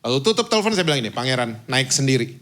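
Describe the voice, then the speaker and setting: A man's voice: mid-range voice, racing. A man in his fifties, a pastor preaching a sermon. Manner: lively storytelling, mixes in English phrases. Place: church stage.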